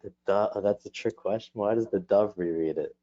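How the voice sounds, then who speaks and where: A man's voice: fairly low pitch, fairly quick, mellow. A man talking casually as a guest, mostly giving short agreeing replies. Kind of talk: casual chat. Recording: dull lo-fi sound.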